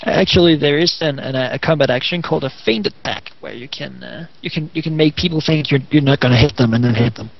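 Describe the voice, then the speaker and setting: Male game master, casual narration, raised pitch, crackly fry, muffled voice-chat sound. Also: quick pace, hardly any pauses. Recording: dull lo-fi voice-chat audio.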